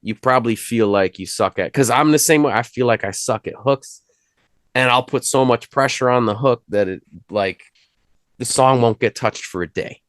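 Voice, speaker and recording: A man's voice: mid-range voice, normal speed, a bit bright, dry recording, studio quality. A man hosting a casual music chat, loose and profane, trailing off and restarting his thoughts. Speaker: host.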